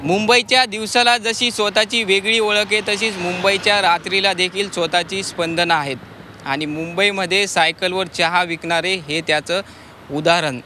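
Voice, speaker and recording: A male field reporter giving a measured sign-off from a city street. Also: sits high, fairly even intonation, sharp tone, faint music behind. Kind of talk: news sign-off to camera.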